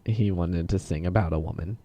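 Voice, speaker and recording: A man's voice: low-pitched, fairly quick, mellow, no room sound. A young man co-hosting a casual podcast. He talks earnestly and hesitantly, often restarting his sentences as he explains. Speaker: podcast co-host. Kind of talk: casual chat.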